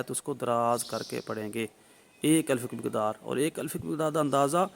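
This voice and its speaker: A man teaching the rules of Quran recitation. He explains step by step, repeats his points, checks in with his listeners and sounds out example syllables loudly and slowly. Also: mid-range voice, a little hiss or hum. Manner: demonstrates sounds with loud drawn-out examples. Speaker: tajweed teacher.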